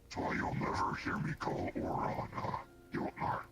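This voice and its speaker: A man casually explaining old myths to friends, slow and rambling with pauses to find his words. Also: over loud music.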